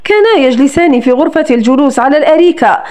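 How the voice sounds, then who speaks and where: A woman narrating a romance novel in a soft, emotive scripted reading. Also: high voice, expressive, fast talker.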